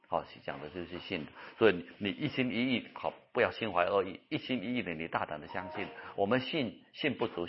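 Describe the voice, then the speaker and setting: A man's voice: low-pitched, a little hiss or hum. A man preaching a sermon, telling stories with lots of repeated phrases, in a dull lo-fi recording. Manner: animated storytelling, repeating phrases.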